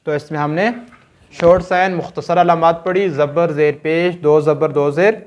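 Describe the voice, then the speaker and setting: A man's voice: fairly high pitch, steady tone, normal speed, a little mellow, highs cut off. A man with a Pakistani Urdu accent teaching Quran reading in a recorded lesson, patiently drilling short sounds one by one and checking that learners follow.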